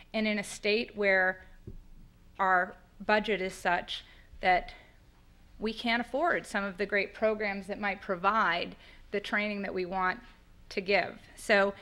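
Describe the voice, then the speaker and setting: A woman's voice: medium pitch, bright, forceful tone. A middle-aged American woman with a lateral lisp, presenting at a podium in a conversational, explanatory way with rhetorical questions. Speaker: panelist presenting at a law school conference. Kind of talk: semi-formal spoken presentation. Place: indoor lecture room at a podium. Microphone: podium microphone on a boom stand.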